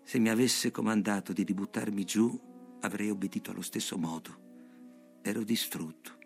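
A man reading a novel aloud on the radio in an expressive, dramatic manner. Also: fairly low pitch, moderate pace, gravelly, faint music behind. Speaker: audiobook reader.

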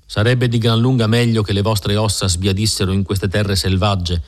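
A man's voice: lowish voice, level tone, normal speed, close to an everyday voice. A man voicing a stern, solemn pioneer leader of about thirty in an audiobook reading, speaking with grave authority. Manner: solemn and commanding.

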